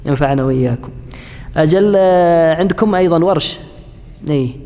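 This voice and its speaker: A man teaching a class on Quranic interpretation, pausing often with fillers and restarts and asking his students questions. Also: on the high side, dark tone, in a large hall, slight background noise. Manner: halting, frequent fillers and restarts, chats with students. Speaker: Islamic studies lecturer.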